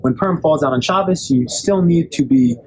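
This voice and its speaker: A man's voice: a little high, a little fast, a little mellow, poor audio. A young man giving a Torah lesson, reading Hebrew and Aramaic sources aloud and explaining them in English. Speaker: Torah teacher. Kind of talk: recorded Talmud lecture. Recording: clear background noise with passing vehicles.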